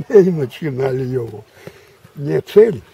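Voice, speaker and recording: An elderly man, a war veteran, telling a rambling grandpa story in a halting, repetitive, colloquial way. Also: on the high side, lively intonation, gravelly, a crowd in the background. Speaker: war veteran recounting memories. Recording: distant mic, muffled, background noise.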